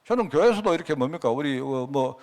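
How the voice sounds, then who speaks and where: A middle-aged Korean pastor with a Gyeongsang accent gives a sermon in a chatty, homespun style. He keeps turning to his listeners for agreement. His fairly high voice swings widely up and down. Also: expressive, fast talker, a little mellow. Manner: conversational, folksy, asks the congregation for agreement.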